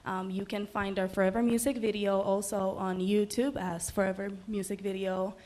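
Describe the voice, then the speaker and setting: This young adult woman, a singer from the Dominican Republic, chats as a guest in a casual livestream interview, bubbly and full of ums. Her mid-range voice has a darkish tone and a flat delivery at a moderate pace.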